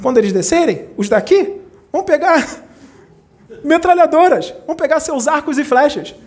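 A man giving an informal spiritual talk. He retells film scenes in an animated way and keeps checking in with his listeners. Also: extremely high pitch, moderate pace. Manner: animated storyteller, acts out quoted characters; conversational, checks in with listeners often. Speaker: spiritual speaker.

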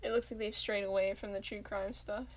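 A young woman co-hosting a podcast, chatting casually from a small closet with teasing, deadpan jokes and frequent giggles. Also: mid-range voice, fairly quick. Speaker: podcast co-host.

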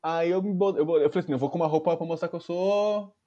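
A man's voice: fairly high pitch, fast talker, warm tone, lo-fi sound. A man telling a funny personal story in casual, slangy chat, swearing freely and acting out the people in it. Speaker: podcast storyteller.

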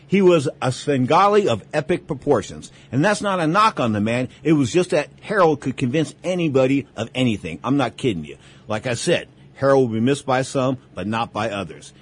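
A man's voice: medium pitch, expressive, a little fast, husky. A man hosting a sports radio show, delivering an emphatic, showy boxing monologue with ring-announcer flourishes. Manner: emphatic, showman-like, repeats catchphrases. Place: radio studio.

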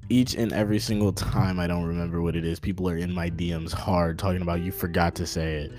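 A young man fronts his own podcast with a casual, improvised update, full of jokes, rambling and verbal stumbles. He talks fast in a low, slightly mellow voice that barely moves in pitch.

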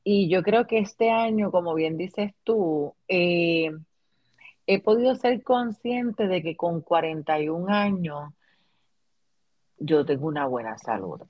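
Lady in her 40s, kinda low voice, slow easy chat, dull dry sound. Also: dry recording. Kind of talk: casual faith talk.

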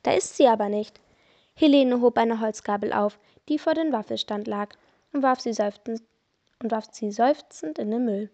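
A woman's voice: a little high, normal speed. Woman reading a children's mystery. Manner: steady storybook narration. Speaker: podcast reader.

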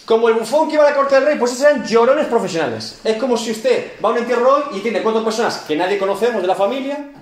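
A man's voice: extremely high pitch, lively intonation, fast, reverberant. A man teaching a seminary Bible class, acting out scenes and asking the class rhetorical questions. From Galicia, Spain. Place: church classroom.

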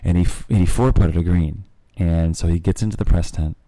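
A man's voice: deep voice, steady tone, a little fast, mellow, no room sound, low-quality recording. A man co-hosting a casual chat, a teasing, chatty storyteller. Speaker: podcast co-host and golf dad.

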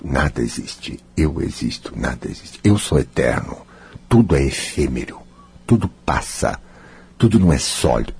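A man's voice: creaky, darkish tone, slightly rough. A man giving a guided self-help talk, dramatic, playing out inner voices. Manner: dramatic, acts out inner voices, swings high and low.

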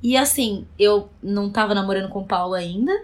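A young woman with a Brazilian Portuguese accent recounts a personal story in casual conversation. She talks in an animated way and swears freely. Her voice sits at an ordinary middle pitch. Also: brisk. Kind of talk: casual chat.

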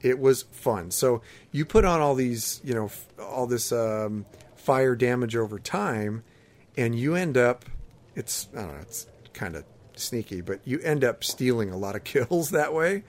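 Measured in pace and a little mellow, this man's mid-range voice is expressive as he co-hosts a podcast. He chats casually about gaming, explaining as he goes, with faint ambient noise in the background.

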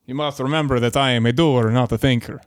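Tabletop player, theatrical and mock-formal, medium voice, dry mic. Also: male voice, mid-range voice, fairly even intonation, fast, dry recording. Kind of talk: in-character tabletop play.

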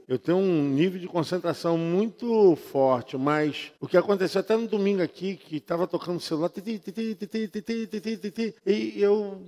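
A man's voice: a little high, a little mellow. Male pastor, casual church talk, chatty, imitates sounds, echo of a large church hall. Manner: chatty, mimics sounds with repeated syllables. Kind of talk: informal church teaching to a congregation. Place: church sanctuary.

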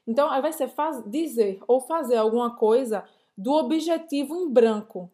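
A woman's voice: high-pitched, normal speed, mellow. Chatty woman co-hosting a lesson. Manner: chatty, asks follow-ups and explains in Portuguese. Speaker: co-host. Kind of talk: podcast language lesson.

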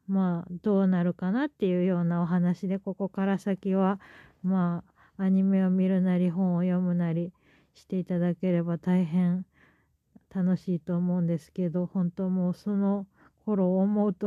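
A woman's voice: medium pitch, no echo, narrow, tinny audio. A woman with a Kansai accent hosting her own podcast, retelling a story in a chatty, rambling way with many fillers. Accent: Kansai Japanese. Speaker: podcast host. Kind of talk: casual storytelling monologue.

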